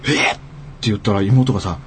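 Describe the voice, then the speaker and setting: A radio guest with a lowish voice tells a long anecdote on a casual talk show, speaking fairly quickly over a noisy background. He's an animated storyteller who acts out the quoted lines.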